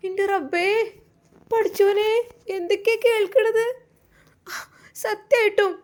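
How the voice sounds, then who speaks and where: A woman's voice: moderate pace, lightly acted. A woman voicing an anxious, emotional middle-aged mother in a storybook tale. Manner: anxious, pleading, high-strung.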